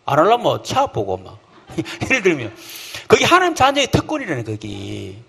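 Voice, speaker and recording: Male pastor, folksy sermon delivery, husky tone with a high, lively pitch. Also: normal speed. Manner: lively, folksy preaching with rhetorical questions; acts out quoted voices of believers and children. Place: church camp hall.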